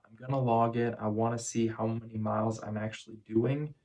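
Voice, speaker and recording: A man talking casually in a first-person vlog recap, phrasing things in a measured, deliberate way with pauses. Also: medium pitch, little pitch movement, a little mellow. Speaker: vlogger.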